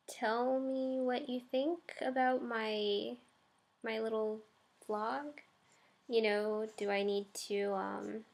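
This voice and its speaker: A young woman chatting casually in her first vlog, hesitant and full of ums and likes. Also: a little high. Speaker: vlogger.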